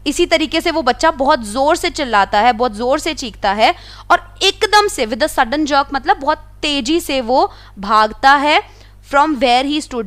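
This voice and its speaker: A woman teaching an English lesson, reading the text lines slowly and then explaining them in everyday Hindi. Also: high-pitched, fairly bright tone.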